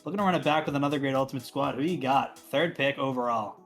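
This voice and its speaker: A man's voice: medium pitch, quick pace, soft background music. A man co-hosting an esports draft stream, talking casually and upbeat with lots of fillers. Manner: upbeat, rambling with many fillers. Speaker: draft co-host.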